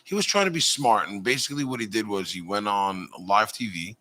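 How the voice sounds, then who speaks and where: A man hosting a casual cannabis talk show, chatting in a relaxed, announcer-like way. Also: lowish voice, brisk, poor audio. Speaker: podcast host. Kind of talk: casual chat.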